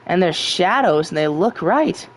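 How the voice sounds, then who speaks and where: A man's voice: high-pitched, lively intonation, a little slow. A young man streaming a survival game, swearing often and rambling casually. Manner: profane, rambling, self-mocking. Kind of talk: casual gameplay commentary.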